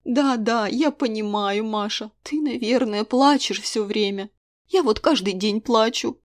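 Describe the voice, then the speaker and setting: A woman's voice: a little high, unhurried, voice pushed up, natural voice. A woman voicing an overbearing, theatrical grandmother who laments and lectures while reading a story aloud. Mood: doting, lamenting.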